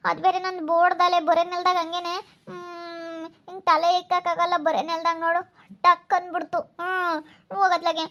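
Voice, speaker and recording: A woman's voice: extremely high pitch, completely flat delivery, brisk, sharp tone, muffled recording. A woman voicing a young village woman who nags and scolds in a Hiriyur Kannada accent. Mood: complaining. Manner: nagging, scolding, complaining.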